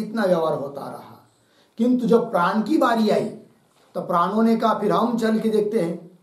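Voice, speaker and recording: A man's voice: high voice, a little mellow. A man teaching a scripture lesson, telling a story and explaining verses word by word while asking his listeners questions. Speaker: Vedanta teacher. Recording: roomy echo.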